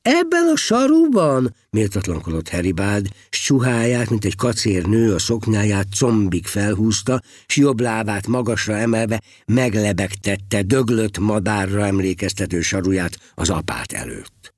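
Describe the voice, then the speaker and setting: A man narrating a story in an expressive, dramatic reading style. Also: on the low side, dry recording, clean studio sound. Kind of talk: audiobook storytelling.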